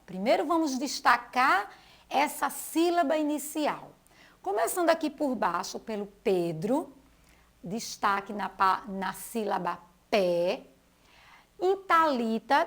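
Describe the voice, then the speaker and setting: On a school TV program for young children, a woman teacher with a Brazilian Portuguese accent slowly draws out names and syllables. Her voice is fairly high and a bit bright.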